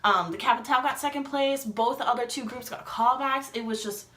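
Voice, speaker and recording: A woman's voice: fairly high pitch, fairly quick, pushed and bright. A young adult woman vlogger telling a personal story in a chatty way, with many fillers and acted-out dialogue. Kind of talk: casual storytelling. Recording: echoey room.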